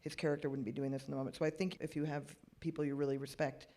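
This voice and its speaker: Earnest panelist, slightly high voice. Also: male voice, level tone, rapid-fire, mellow. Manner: earnest, reflective. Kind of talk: panel talk. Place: cinema cafe panel.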